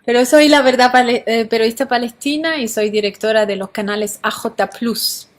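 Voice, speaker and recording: Earnest woman on a video call. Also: a little high. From Syria. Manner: earnest, measured, with hesitations. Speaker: interview guest, journalist. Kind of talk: live video-call interview.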